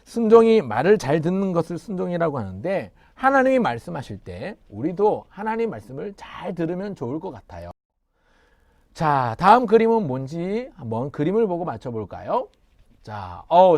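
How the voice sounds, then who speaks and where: Lively male children's preacher. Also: on the high side, normal speed, dry recording. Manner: lively call-and-response with children. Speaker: pastor. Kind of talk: children's sermon.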